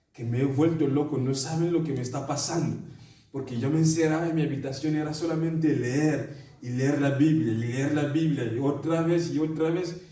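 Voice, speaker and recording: A man's voice: on the high side, mellow. A man giving an earnest personal testimony in a church sermon, telling his story with many repeated phrases. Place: church meeting room. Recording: echoey church room from a distance.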